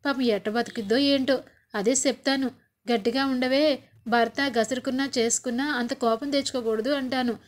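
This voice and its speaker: A woman's voice: high-pitched, fairly even intonation, moderate pace, close to an everyday voice. A woman voicing a scheming older mother who taunts and mocks in a scornful tone. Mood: taunting. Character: scheming older mother, mocking and sharp-tongued.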